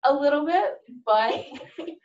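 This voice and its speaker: A woman's voice: high-pitched, expressive, takes it slowly, a little mellow. A teenage girl in a student book club asking an author questions over a video call, giggling eagerly. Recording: distant muffled echoey room.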